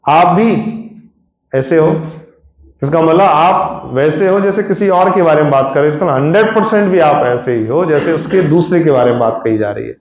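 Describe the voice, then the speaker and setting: A man's voice: a little high, moderate pace. A man teaching Hindi grammar to a class, explaining patiently and checking often with questions. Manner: explains patiently, asks students frequent questions. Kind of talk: classroom lecture. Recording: echoey classroom, dull lo-fi sound.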